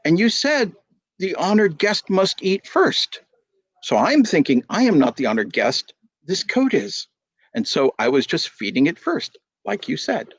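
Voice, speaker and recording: A man voicing a wise, teasing old mullah in a told folk tale, with a high, sing-song delivery. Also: very animated, measured pace, slightly rough, no echo, exaggerated voice. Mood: calm, wry. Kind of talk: storytelling performance.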